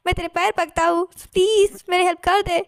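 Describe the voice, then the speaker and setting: A woman's voice: very high-pitched, level tone, a little fast, dry recording, studio quality, pitched above the performer's own voice. A woman voicing a desperate, whiny young male company boss who keeps pleading with his friend for help. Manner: pleading, self-pitying.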